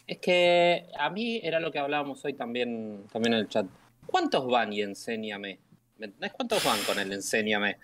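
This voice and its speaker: A man's voice: mid-range voice, sing-song, normal speed, fairly bright tone, a little hiss or hum. A man with a Rioplatense Spanish accent, chatting casually and rambling about a game over voice chat. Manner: rambling, repeats "¿me entendés?". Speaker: gamer chatting with a streamer.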